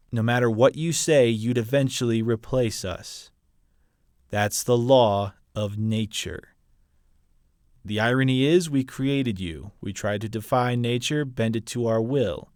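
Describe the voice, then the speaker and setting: A man playing a hardened, ruthless military officer, a colonel delivering a grave, deliberate dramatic film monologue. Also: medium pitch, smooth, dry recording, studio quality, lightly acted. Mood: stern, accusing. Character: hardened, ruthless military colonel justifying his brutal mission.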